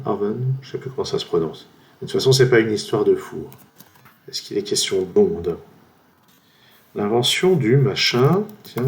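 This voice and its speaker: A French man plays a word-guessing game at his computer. He thinks aloud in a slow, lowish voice, musing and trailing off between guesses. Faint typing and room hum sit behind him. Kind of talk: thinking aloud while playing.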